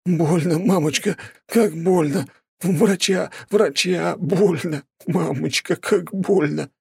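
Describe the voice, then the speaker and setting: Guy voicing a nasty spoiled young viscount, sneery and mean, higher than his normal voice. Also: drawn-out words, vocal fry, breathy edge, no echo, clean studio sound, full character voice. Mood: shrill wailing. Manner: sneering, sadistic taunting.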